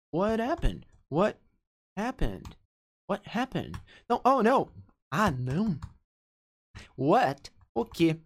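A woman with a Brazilian Portuguese accent, explaining an English lesson and repeating example phrases slowly. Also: mid-range voice. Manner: repeats example phrases slowly, switching between two languages. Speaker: English teacher.

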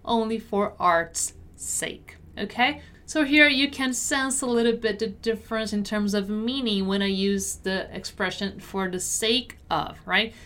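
A woman's voice: medium pitch, measured pace, few pauses, fairly bright tone. A woman teaching English, repeating example sentences and checking understanding with "right?". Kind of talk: language lesson explaining phrases.

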